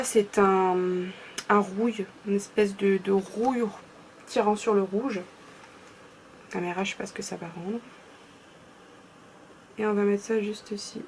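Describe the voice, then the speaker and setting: A young French beauty vlogger chats casually through a makeup tutorial, frequently trailing off into murmurs. Her voice is mid-range, with a little hiss or hum in the audio.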